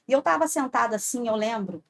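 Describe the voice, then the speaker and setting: A woman's voice: a little high, lively intonation, quick pace, gravelly, a little hiss or hum. A woman, a podcast guest telling an earnest personal faith story and often checking in with "sabe?". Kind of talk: heartfelt personal testimony.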